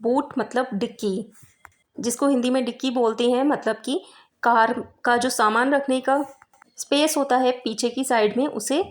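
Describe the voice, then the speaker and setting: Woman, fairly high voice, English teacher, spells words letter by letter, reads English lines slowly. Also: fairly even intonation. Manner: slow, careful reading of English sentences. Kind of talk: vocabulary lesson explaining word differences.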